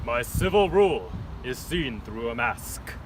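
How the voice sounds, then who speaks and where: A man's voice: mid-range voice, very animated, unhurried, far from the mic, noisy background. A man playing a boastful, ruthless military dictator, declaiming grand proclamations in a history skit. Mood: self-satisfied. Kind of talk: dramatised historical speeches.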